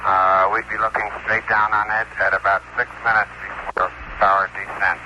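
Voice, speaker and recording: A man reports from a spacecraft through a crackly space radio transmission. His voice is low, and he talks haltingly with frequent pauses. A steady wash of static hiss sits under every word. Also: dull audio. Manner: halting, many "uh" pauses while describing. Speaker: astronaut. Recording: hissy archival radio link.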